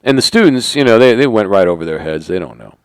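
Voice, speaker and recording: Deep-voiced man with rhetorical questions. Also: animated, fast talker, clean tone, dry recording. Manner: conspiratorial, rhetorical questions, drops to quiet asides. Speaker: channel host. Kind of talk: monologue to camera.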